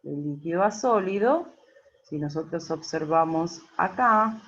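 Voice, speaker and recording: A woman teacher walks students through a worksheet. She talks patiently and keeps checking in with the class. Her voice sits slightly low, and the recording sounds dull and lo-fi. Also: expressive, a little slow, a bit bright.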